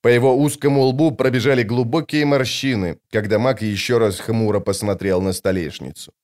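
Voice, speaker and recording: A man's voice: mid-range voice, fairly even intonation, normal speed, darkish tone. A man narrating a fantasy audiobook expressively, giving the characters their own voices.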